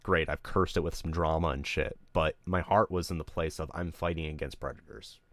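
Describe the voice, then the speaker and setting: Speaking to his live audience in a rumbling low voice, a male streamer launches into a candid, rambling rant full of emotion and swearing. His tone is steady and fairly bright, his pace brisk, and the recording is dry.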